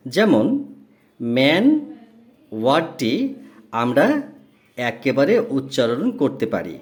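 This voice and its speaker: A man teaching a classroom lesson at an unhurried pace, his voice rising and falling widely. He explains patiently and repeats each example word, saying it piece by piece. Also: mid-range voice, wildly swooping pitch. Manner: patient, repeats words and spells them out in parts. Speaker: tutor.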